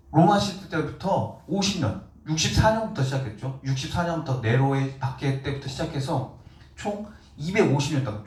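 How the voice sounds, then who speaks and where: Korean pastor preaching in an echoey church. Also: male voice, fairly high pitch. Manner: colloquial and animated, acts out quotes with laughs. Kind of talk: sermon. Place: church sanctuary. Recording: echoey room, voice from far off mic.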